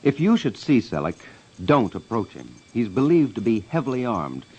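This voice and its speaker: An American man, a radio host and investigator, fronts a vintage radio crime show, making urgent, emphatic, dramatic appeals to listeners. His medium-pitched voice is mellow and slightly rough, with big pitch swings at a normal speed. The recording has a dull vintage-radio sound with music underneath.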